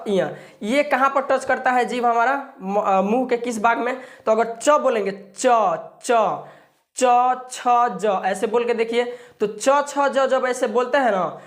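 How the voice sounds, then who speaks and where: Woman teacher, kinda high voice, slow and patient, says the sounds out loud and keeps asking questions. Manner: patient, repeats sounds aloud and quizzes the listener. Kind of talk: Hindi grammar lesson, talking to viewers.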